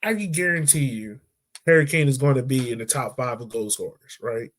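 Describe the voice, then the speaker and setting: This man's voice is medium-pitched, a bit bright, and a little fast. He co-hosts a casual sports podcast, keeping things laid-back and chatty with frequent "like" and "right?"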